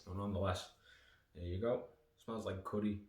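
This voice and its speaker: Low-voiced British man in an echoey room. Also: steady tone, normal speed. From United Kingdom. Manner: sarcastic, sweary, digressive. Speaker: snack reviewer. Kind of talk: casual rambling review. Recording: echoey room with faint noise.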